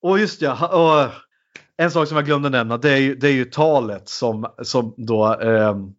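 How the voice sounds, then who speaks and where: A man's voice: medium pitch, muffled recording. A man in a casual chat, animatedly retelling a film with many fillers.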